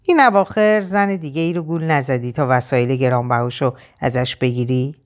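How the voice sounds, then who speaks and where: A woman voicing a young woman who speaks in a low, hushed, accusing tone in an audiobook. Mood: bitter.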